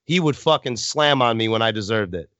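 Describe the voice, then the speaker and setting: A man's voice: on the low side, animated, a little fast, fairly bright tone, no room sound, highs cut off. A man hosting a casual podcast chat, rambling, swearing and laughing often. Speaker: podcast host.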